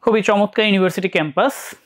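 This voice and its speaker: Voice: medium pitch, fast. A teacher with a Bangladeshi Bengali accent giving a live online English lesson for university admission tests, often checking in and asking students questions. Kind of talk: live online class lecture.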